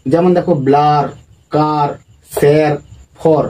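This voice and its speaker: A man teaching English grammar at a board, explaining in Bengali and reading English definitions slowly, calling viewers "friends". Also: on the high side, steady tone, warm tone, slight background noise, poor audio. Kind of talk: classroom lesson at a board.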